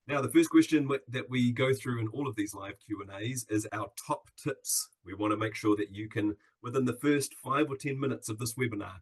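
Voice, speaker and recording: A man with a New Zealand accent hosts a live video-call Q&A as a webinar host, keeping things upbeat and chatty with plenty of fillers. His voice is mid-range and husky, and the audio is poor.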